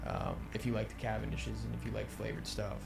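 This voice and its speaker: Gravelly man in casual review chat. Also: lowish voice, completely flat delivery, fast talker. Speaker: pipe tobacco reviewer. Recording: music playing behind.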